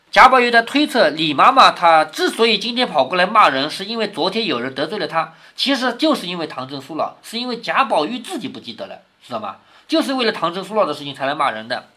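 A man's voice: sits high, sing-song, fast talker, bright, forceful tone. A man reading a classic novel aloud to his daughter, explaining it with lots of rhetorical questions. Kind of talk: storybook reading with commentary.

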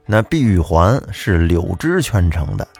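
A man's voice: sits low, sing-song, measured pace, creaky, a little mellow, breathy edge, faint music behind. A man telling a folk tale in a chatty way, speaking directly to the listener. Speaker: storyteller.

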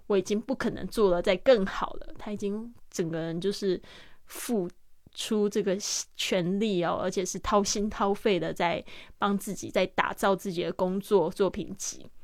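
A woman teaching English with an animated delivery. She breaks each sentence down and says key words again. Her voice is mid-pitched, and the sound is dry and close. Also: no room sound. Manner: lively, breaks sentences into parts and repeats them. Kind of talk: explaining English phrases in Mandarin.

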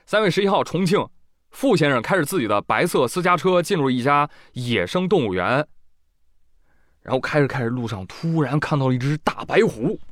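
A man's voice: fairly high pitch, expressive, a little fast, no echo, clean studio sound. A man giving comic news commentary, wisecracking and often laughing.

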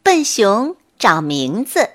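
A woman reading a bedtime story aloud in a soft, tender way. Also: mid-range voice, huge pitch swings, takes it slowly, faint music behind.

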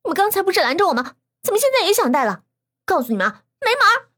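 A woman voicing a petulant, greedy schoolgirl who stammers and shouts high and loud. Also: big pitch swings, fast talker, exaggerated voice. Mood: snappish. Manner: stammering, shrill and insistent. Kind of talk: storybook narration.

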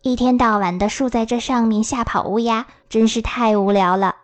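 A woman doing a friendly straw scarecrow from a children's storybook, speaking in a very hoarse voice that sits a little quieter than the telling around it. The tone stays gentle and kindly, with a slightly slow, simple way of talking. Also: fairly high pitch, steady tone, close to an everyday voice. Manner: soft and friendly. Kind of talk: storybook reading.

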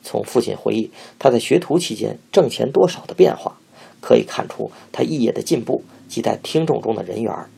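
A man reading a memoir aloud in an expressive storytelling manner. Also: mid-range voice, brisk, gravelly, breathy edge. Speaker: audiobook narrator.

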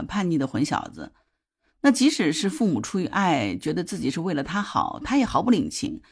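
Lively-voiced woman hosting a parenting podcast. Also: on the low side, husky. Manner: conversational, often puts questions to listeners; tells a story from a TV drama in detail. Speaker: podcast host. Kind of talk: parenting advice podcast talk.

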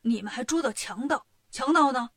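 A woman's voice: sits high, moderate pace. A woman doing a stern scolding prefect. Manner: indignant, scolding. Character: stern male prefect, quick to accuse.

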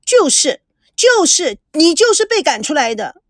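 A woman voicing a tearful, indignant teenage granddaughter who pleads in a high, whiny voice. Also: very animated, unhurried, a bit bright, no echo, studio quality, heavily acted.

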